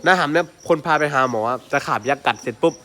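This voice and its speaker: A man's voice: on the high side, fast talker. A man, telling a story in casual chat with frequent exclamations. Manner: animated, exclaims often. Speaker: elephant mahout and channel host.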